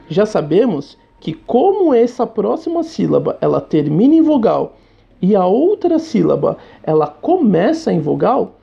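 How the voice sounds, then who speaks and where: A woman teacher with a Brazilian Portuguese accent, giving a recorded lesson that she explains step by step while asking the class quick questions. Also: a little high, vocal fry. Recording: slightly dull recording with faint music.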